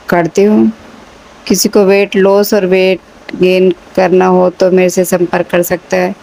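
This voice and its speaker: Brief: woman in her thirties, low flat voice, gravelly, testimony. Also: poor audio. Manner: slow, even, matter-of-fact. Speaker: health coach. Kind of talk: devotional testimony.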